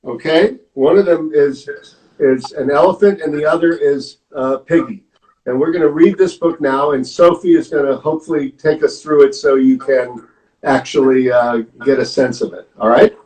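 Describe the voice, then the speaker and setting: A man's voice: on the high side, recorded from a distance, low-quality recording. A man reading a children's picture book aloud as a volunteer storyteller, explaining the pictures as he goes. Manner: slow, animated, explaining the pictures.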